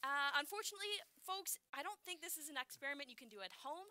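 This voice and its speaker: A woman with a high, bright voice co-hosts a playful science live stream, upbeat and giggly as she walks through experiments. The sound is dry and close. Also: lively intonation, fast, no echo. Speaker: science show co-host.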